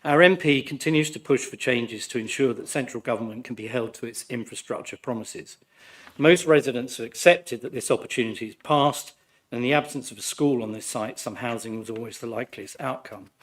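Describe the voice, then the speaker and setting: A man speaks as a councillor at a formal meeting. His voice is croaky with illness and sits at a middle pitch. He delivers a prepared, critical statement in measured phrases. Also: a bit bright. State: croaky, recovering from flu. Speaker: ward councillor addressing a planning committee.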